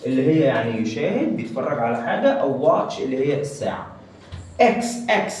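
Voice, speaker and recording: A man with an Egyptian Arabic accent teaching English letter sounds, saying each sound slowly and repeating it twice. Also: mid-range voice, sing-song, a little mellow, recorded from a distance, a little hiss or hum. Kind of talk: phonics lesson. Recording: very echoey room, away from mic.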